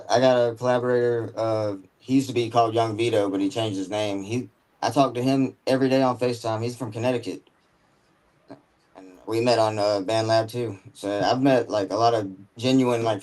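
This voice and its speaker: A man's voice: medium pitch, a little mellow, low-quality recording. A man in his mid-twenties talking about his music as a guest, rambling and slangy with lots of filler words. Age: 20s. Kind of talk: casual chat.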